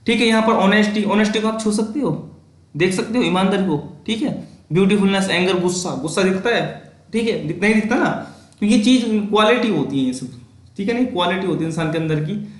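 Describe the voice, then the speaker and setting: Man, Indian accent, teacher, casual explaining, reads examples slowly, fairly high voice. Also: expressive, echoey room. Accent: Indian English. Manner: repeats "ठीक है ना" often, reads English examples slowly. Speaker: English teacher.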